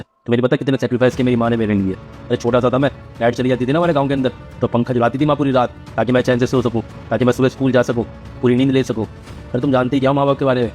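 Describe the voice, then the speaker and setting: A man's voice: medium pitch, darkish tone, close to an everyday voice. A man as a pleading, exasperated son. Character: tired son torn between mother and wife. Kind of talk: Hindi family drama acting.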